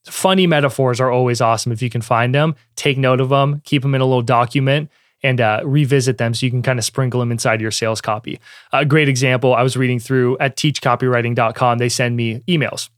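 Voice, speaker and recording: A young adult man explains things in a loose, conversational teaching voice of middle pitch. He drifts into fillers and restarts himself as he talks. The recording is dry, with no room sound. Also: steady tone, fast, no room sound. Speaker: online business teacher. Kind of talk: casual teaching monologue.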